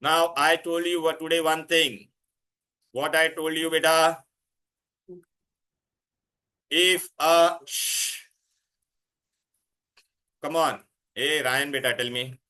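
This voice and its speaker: Bright-voiced Indian man teaching a class. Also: fairly high pitch, fairly even intonation, slow, long pauses. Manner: insistent, repeating himself and questioning students; mixes Hindi words into English. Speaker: chemistry teacher. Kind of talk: classroom teaching with questions and instructions.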